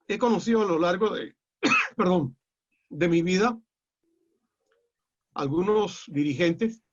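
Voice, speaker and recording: High-voiced Peruvian man lecturing. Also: a bit bright. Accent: Peruvian Spanish. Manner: measured and explanatory, with frequent "eh" fillers and restarts. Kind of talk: online class lecture. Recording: dull lo-fi audio.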